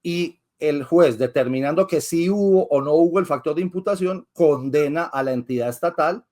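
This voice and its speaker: A man's voice: on the high side, moderate pace, dark tone. Guy, lawyer on an interview, explains step by step, asks himself questions then answers. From Colombia. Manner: explains patiently like a teacher, asks and answers his own questions. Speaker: lawyer guest.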